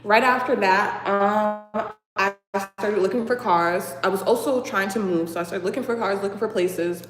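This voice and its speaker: A young woman from Boston telling a casual storytime, chatty and animated with lots of fillers. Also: mid-range voice, normal speed, roomy sound, long reverb tail, faint music behind. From Boston, USA. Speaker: vlogger.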